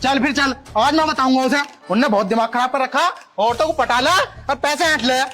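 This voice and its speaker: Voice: high-pitched, fairly quick, fairly bright tone. A performer playing a short-tempered rural husband, scolding his wife in a comedy skit. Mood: irritated.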